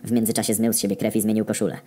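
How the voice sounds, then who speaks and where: A man narrating a comedic story in a deadpan, wry tone with frequent swearing. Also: lowish voice, racing, slightly rough.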